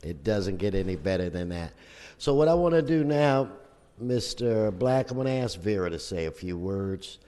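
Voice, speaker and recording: An older man presides over a ceremony in an informal way. His voice is on the low side and clean, resonant in tone. It carries with the reverb of a big hall. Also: animated, normal speed, dark tone. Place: large council chamber.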